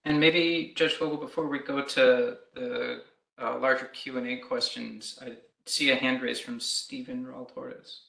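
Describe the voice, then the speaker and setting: A man moderating a virtual workshop, briskly handing out turns with some hesitant fillers. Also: medium pitch, level tone, vocal fry, a bit bright. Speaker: workshop facilitator. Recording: echoey room.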